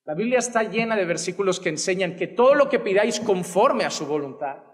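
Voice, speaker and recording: Speaking briskly in a high-pitched, expressive voice, a man in his thirties with a Spanish accent from Spain preaches fervently from a wooden pulpit, arms flung wide. He is a pastor on a church stage, and his pulpit gooseneck mic carries the sound of a large hall.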